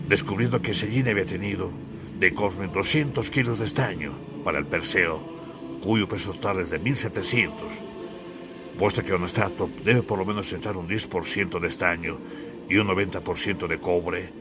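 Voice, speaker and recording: Over clearly audible background music, a man with a deep voice reads an audiobook. His tone is solemn and literary, and his phrasing leans declamatory.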